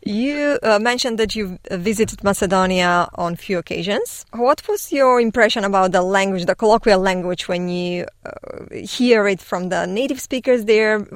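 Lady doing a radio interview, mid pitch, halting questions, very dry studio sound. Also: dry recording.

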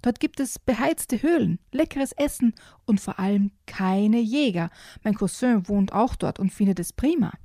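Woman doing a know-it-all storybook hawk, cheeky, higher pitched, mellow tone, dry close sound. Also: animated, normal speed, no room sound. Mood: chatty. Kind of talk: storybook reading aloud.

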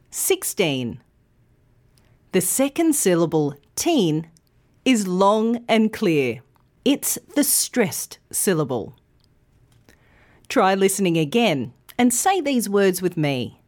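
Slow, lively woman teacher. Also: medium pitch. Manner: carefully enunciated, demonstrative. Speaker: English teacher. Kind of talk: scripted language lesson.

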